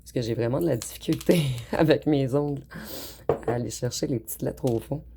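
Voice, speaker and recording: A woman giving a calm, unhurried tarot card reading, speaking directly to her viewers. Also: a bass voice, gravelly, background noise. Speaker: tarot reader.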